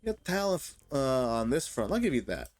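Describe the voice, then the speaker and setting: A man pitching his voice up to play a sly young gang enforcer who taunts and teases. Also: sing-song, normal speed. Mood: mocking. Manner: taunting, teasing.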